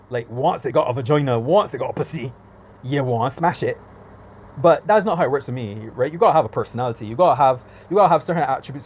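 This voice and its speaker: A man's voice: fairly high pitch, darkish tone, a little hiss or hum. Exasperated Barbadian man ranting. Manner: exasperated, emphatic, repeats himself. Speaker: vlogger. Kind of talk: casual rant.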